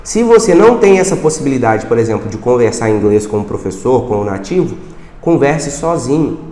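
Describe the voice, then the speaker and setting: A Brazilian man with a Brazilian Portuguese accent, a language teacher giving a casual video lesson, speaking straight to the viewer and often asking quick rhetorical questions. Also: mid-range voice, big pitch swings, mellow. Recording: echoey room with long reverb.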